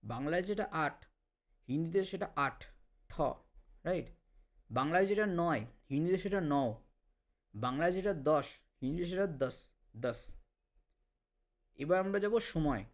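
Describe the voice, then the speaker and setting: A man's voice: a little high, animated, measured pace, pauses often. A man with a slightly raised voice gives a spoken language lesson. He says each word, repeats it carefully, and drops in short English phrases as he goes. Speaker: language teacher.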